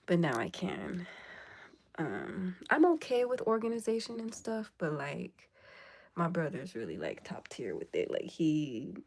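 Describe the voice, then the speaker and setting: A woman's voice: on the low side, wildly swooping pitch, measured pace, creaky, a little mellow. A woman chatting casually on a livestream, laid-back and rambling, often dropping into a half-whisper. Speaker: livestream host.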